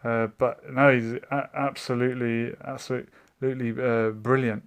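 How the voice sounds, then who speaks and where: A man's voice: medium pitch, flat delivery, unhurried, clear, resonant tone. Chatty man hosting a live stream. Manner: meandering and chatty, with frequent hesitations. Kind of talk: casual live-stream chat reading viewer comments.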